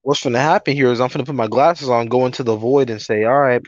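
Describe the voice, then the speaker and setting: A man's voice: medium pitch, fast, dry recording. A man bantering during a tabletop game, slangy and repetitive, with mock exasperation. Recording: dull lo-fi, dry close sound.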